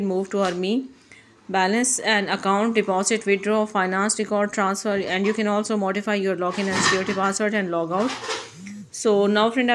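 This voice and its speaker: A woman's voice: medium pitch, background noise. Woman host narrating a phone screen tutorial. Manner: repetitive, addresses viewers as friend, non-native English phrasing. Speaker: YouTube channel host. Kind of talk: screen-recorded tutorial walkthrough. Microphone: voice-over on phone screen recording.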